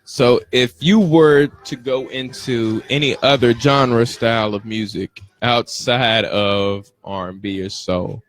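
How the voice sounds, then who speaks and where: A man's voice: medium pitch, steady tone, takes it slowly, few pauses. A man hosting an interview in a casual, encouraging, slangy way, often repeating short affirmations. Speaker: interviewer, show host.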